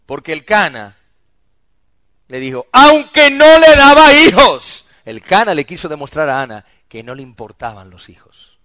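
A man preaching a sermon as pastor, swinging between loud emphatic outbursts and hushed, low asides. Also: wildly swooping pitch, moderate pace, dry recording.

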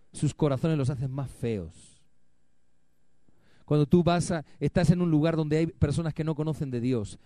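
Emphatic pastor preaching, dry sound. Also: male voice, a little high, dark tone, no room sound. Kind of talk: sermon. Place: church.

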